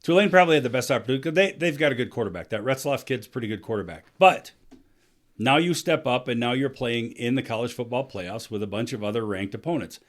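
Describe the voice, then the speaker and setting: A man on a sports podcast talking in an easy conversational way, with a medium-pitched voice. He states his opinions bluntly and plainly. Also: lively intonation, quick pace. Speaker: podcast co-host. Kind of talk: casual sports chat.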